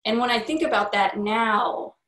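A woman's voice: a little high, moderate pace, fairly bright tone. A young woman hosting a museum livestream, working her way through long, conversational questions over a video call from an indoor room. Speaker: museum host and interviewer. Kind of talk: livestream interview. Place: indoor room with a plain wall. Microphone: webcam on a video call. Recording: roomy video-call audio.

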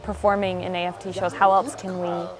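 A woman's voice: lowish voice, level tone, brisk, low-quality recording. A woman co-writer of a musical, speaking reflectively in an outdoor documentary interview. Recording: music playing underneath.

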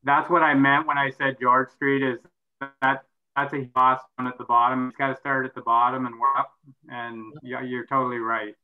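A man chairing a council meeting over a video call, talking haltingly while his stream audio breaks up. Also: mid-range voice, flat delivery, soft background music. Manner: halting, with many pauses and fillers. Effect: choppy, breaking-up stream audio. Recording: tinny phone-like call audio.

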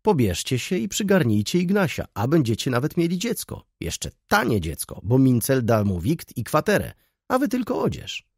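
A man's voice: mid-range voice, wildly swooping pitch, moderate pace, husky, dry recording, studio quality, voice pushed up, full character voice. A man reading a gloomy old clerk in an audiobook, grumbling and complaining. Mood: matter-of-fact.

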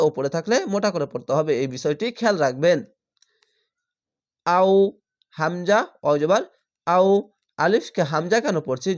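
Man slowly spelling out Quran words. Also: fairly high pitch. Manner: slow, drawn-out syllable-by-syllable spelling, then chanting the word; patient explanatory tone. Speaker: Quran reading teacher. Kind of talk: spelling-out Quran recitation lesson.

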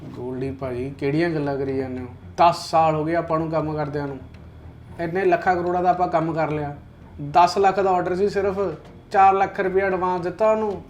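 A man's voice: fairly high pitch, steady tone, a little hiss or hum, lightly acted. A man playing a hot-tempered Punjabi creditor. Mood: pleading. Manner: insistent, quick to anger. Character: aggrieved male businessman, hot-tempered creditor. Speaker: client owed an order. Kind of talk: web drama acting.

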